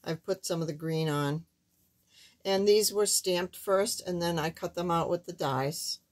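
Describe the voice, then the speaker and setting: An older woman with a thin, squeaky, slightly hoarse voice, giving a casual, halting card-making demonstration. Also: a little mellow. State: hoarse while recovering from surgery. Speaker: craft tutorial host. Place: indoors at a wooden craft table, camera overhead.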